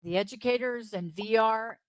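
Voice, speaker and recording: Woman, co-host, higher voice, dry sound, excited, upbeat. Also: normal speed, dry recording, low-quality recording. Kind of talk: live-stream news reading.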